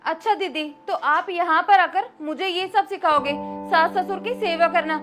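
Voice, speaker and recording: A woman's voice: very high voice, moderate pace, fairly bright tone, soft background music. A woman playing a lazy, cunning young daughter-in-law, talking in a sassy, dismissive way. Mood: irritated.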